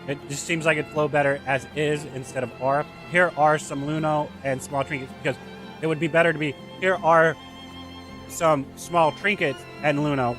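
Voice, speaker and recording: A man's voice: a little high, a bit bright. A man on a live stream who reads a game's dialogue aloud and keeps stopping to question its grammar. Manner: reads lines aloud, stops to pick apart the grammar. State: eating while talking. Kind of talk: live-stream game reading and commentary.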